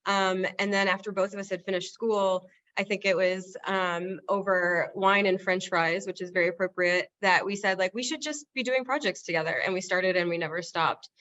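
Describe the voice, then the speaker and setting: A woman's voice: medium pitch, steady tone, normal speed, fairly bright tone, muffled recording, a little hiss or hum. A woman in her thirties from the United States, speaking as an architect in a conversational interview. She talks in an upbeat, chatty way and laughs while she speaks. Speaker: architect, studio co-founder.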